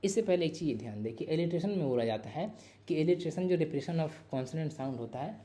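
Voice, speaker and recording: A man teaching an exam-prep literature class, explaining in Hindi with English terms, repeating key phrases and sounding out words slowly. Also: on the high side, expressive, warm tone.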